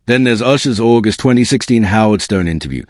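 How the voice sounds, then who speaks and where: A man's voice: fairly low pitch, expressive, fairly quick, darkish tone, no echo, studio quality. A man delivering scripted celebrity exposé commentary as an online host, in a slangy, incredulous, smug and sarcastic manner.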